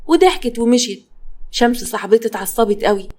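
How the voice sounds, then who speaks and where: A woman's voice: a little high, lively intonation, a little fast, a little mellow. A woman with an Egyptian Arabic accent narrating a first-person story in a chatty way, turning to her listeners now and then. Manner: chatty, addresses listeners directly.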